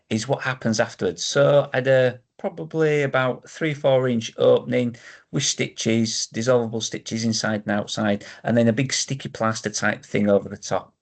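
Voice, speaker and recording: A man's voice: medium pitch, gravelly. A middle-aged man with a Northern English Yorkshire accent, talking casually and matter-of-factly as he explains his own experience in a vlog. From Northern England, Yorkshire. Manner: plain-spoken, matter-of-fact. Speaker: patient sharing his experience.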